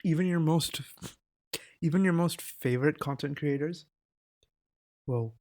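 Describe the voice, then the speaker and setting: This teen vlogger's voice is a little high and a little mellow, and he speaks at a measured pace. Sitting at a laptop indoors, he rambles casually into a desk mic, interrupting himself and occasionally swearing.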